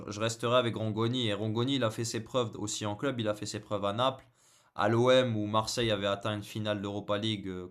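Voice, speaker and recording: Host, male, lowish voice, halting filler-heavy live-stream football chat, jokey banter. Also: clear, resonant tone. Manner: hesitant, many fillers and repeated words; joking, casual banter with viewers.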